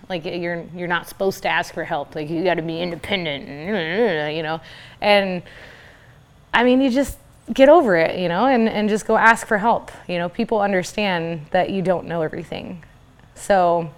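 A young woman talks through her story as an interview guest in a relaxed, rambling way. She peppers every thought with "like" and "you know" and breaks into easy laughter. Her voice sits a little low for a woman. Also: clear, resonant tone. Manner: chatty, laughs often, many fillers like "like". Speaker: interview guest, business owner. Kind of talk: casual interview talk.

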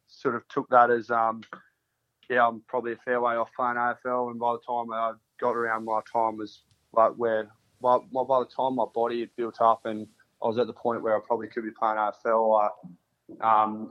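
A man in his early twenties from country Australia, medium-pitched with a laid-back, laconic drawl, answers casually in a footballer interview. There's no echo, but the high frequencies are cut off.

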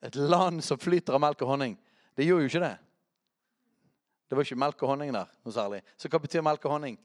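A man preaching a charismatic sermon, chatty and self-correcting, who shouts out scripture. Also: on the high side.

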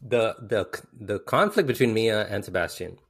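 A man's voice: fairly low pitch, animated, moderate pace, fairly bright tone, husky. A man talking casually in a film discussion, explaining his view and quoting dialogue in his own voice.

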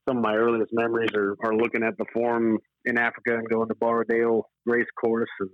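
This horse racing professional, a man in his forties who moved from Zimbabwe to California at eight, is an interview guest in a relaxed conversation. Speaking at medium pitch with a completely flat delivery and a fairly quick pace, he sounds earnest and reflective, talking in stop-start phrases. The remote call is boxy, echoey and band-limited, with phone-quality sound.

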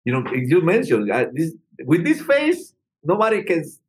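Telling stories as an interview guest, this older musician from Peru rambles, restarts often, and says "you know" a lot. His fairly high voice swings hugely in pitch, has a breathy edge, and moves at a moderate pace, all through poor audio.

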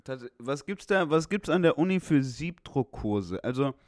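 A man hosting a podcast in a casual call-in style, slangy, cutting in with quick remarks and talking to the listeners. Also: medium pitch, lively intonation, no room sound, clean studio sound. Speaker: podcast host.

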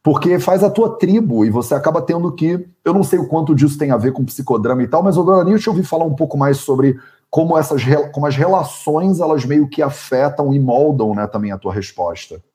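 Um homem apresentador e médico ayurvédico com sotaque brasileiro, conversando de forma animada numa entrevista e pensando em voz alta. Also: male voice, fairly high pitch, brisk, hardly any pauses. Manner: animated, thinks aloud with many "né?". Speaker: podcast host, Ayurvedic doctor. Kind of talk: conversational interview.

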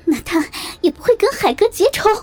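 A woman voicing an enraged, hungry young man who yells and curses with his pitch leaping up. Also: big pitch swings, fairly quick. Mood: furious ranting. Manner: yelling, cursing, pitch leaping up. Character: furious starving young man lashing out.

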